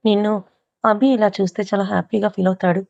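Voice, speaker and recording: A woman's voice: medium pitch, little pitch movement, quick pace, creaky, darkish tone, no echo, dull audio, natural voice. A woman narrator voicing a fond, doting middle-aged mother in a storybook reading.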